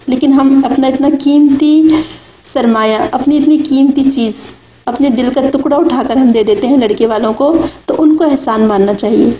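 Woman, religious lecture, exhorting, higher voice, echoey room with faint hum. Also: dark tone. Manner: earnest, exhorting. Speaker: religious speaker. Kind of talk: Islamic lecture.

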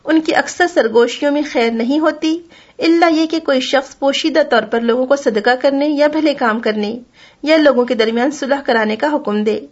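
High-voiced woman teaching a Quran class. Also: dull audio. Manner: explains patiently, repeats key points, recites Arabic verses. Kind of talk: religious lesson.

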